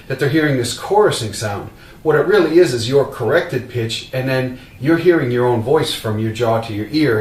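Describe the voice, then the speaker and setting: A relaxed, mid-range male voice demos gear in a roomy space, explaining casually with fillers and restarts. He's picked up by an open vocal mic at a distance, so the recording sounds roomy and carries a faint hum.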